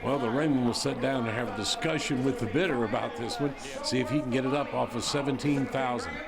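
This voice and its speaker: A man's voice: medium pitch, fast talker, creaky, over a noisy crowd. A man hosting an auction broadcast with presenter-style commentary. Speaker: auction show host.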